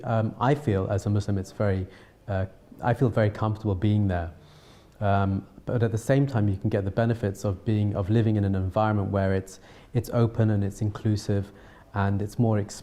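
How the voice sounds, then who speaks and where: A man from south-east England with a Home Counties accent, giving an unscripted account as an interviewee in a measured, hesitant way with frequent pauses and repeats. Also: on the low side, warm tone. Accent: Home Counties English. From south-east England, London and Surrey. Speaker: interviewee, television producer and filmmaker. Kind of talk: unscripted talking-to-camera account.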